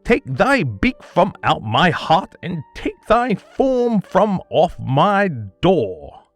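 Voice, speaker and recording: Theatrical man, slow dramatic reading. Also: high-pitched, huge pitch swings, faint music behind. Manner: theatrical, swings from hushed murmurs to anguished cries. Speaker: voice actor. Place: home studio.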